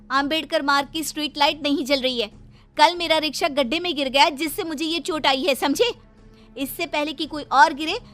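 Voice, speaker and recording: A high, insistent young wife in a cartoon story, voiced by a woman. She demands answers in an indignant tone, over faint music. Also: fairly bright tone. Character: outspoken young wife, quick to complain.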